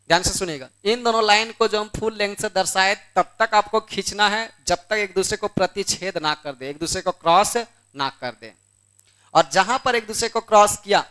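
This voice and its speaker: A man's voice: sits high, bright, forceful tone, clear, resonant tone. A male math teacher giving a board exam lesson, who keeps asking questions and answering them himself, in a coaxing way. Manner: scolds students in the room.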